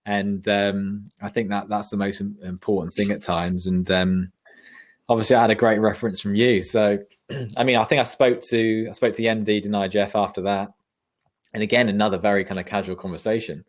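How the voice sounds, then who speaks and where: A man's voice: on the low side, flat delivery, a little fast. A man reminiscing casually as a podcast guest, with an informal, matey, sometimes sweary way of talking.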